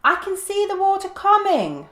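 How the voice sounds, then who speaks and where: A woman voicing an excitable, squeaky cockatoo who calls out in a hurried, shrill way, reading a children's storybook aloud in an echoey room. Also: heavily acted. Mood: urgent.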